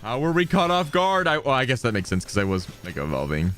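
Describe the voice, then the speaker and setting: Chatty excitable male game streamer. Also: medium pitch, fast, soft background music. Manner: chatty, excitable, rambling asides. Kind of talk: casual gameplay chat with viewers.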